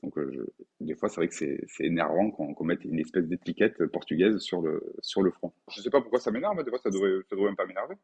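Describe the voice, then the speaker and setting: A man's voice: low voice, expressive, fast, darkish tone, breathy edge, highs cut off. A man in his forties from France, talking earnestly as a podcast guest and repeating words for emphasis. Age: 40s. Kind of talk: conversational interview.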